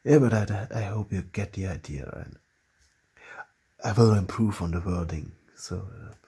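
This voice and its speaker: A native German speaker with a German accent hosts his own channel, talking casually to camera in a fairly low, warm voice with a breathy edge. He often pauses and starts over while searching for words.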